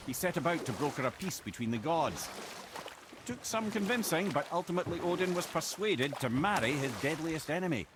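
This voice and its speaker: Game narrator figure, male, played by a man, lively measured storyteller over clear boat-and-water ambience. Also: a little high, noisy background, close to an everyday voice. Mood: storytelling. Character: male storyteller recounting old legends. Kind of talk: video game voice acting.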